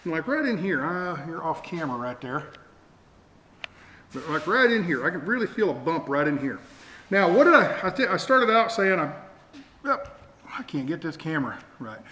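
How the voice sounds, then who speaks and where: With long pauses, big swings in pitch, and a bright, forceful delivery, a middle-aged man speaks at a moderate pace in a fairly high voice. He's the host of a do-it-yourself build vlog, giving a rambling, folksy, self-mocking hands-on demonstration in a casual way. The sound comes from a camera mic in an echoey room with faint noise.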